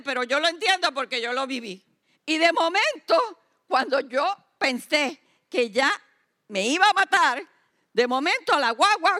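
A woman preaching a sermon, emphatic and building to loud repeated declarations. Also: high-pitched.

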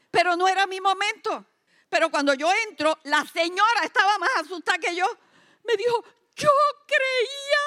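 A woman preaching a sermon, emphatic and building to loud repeated declarations. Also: fairly high pitch.

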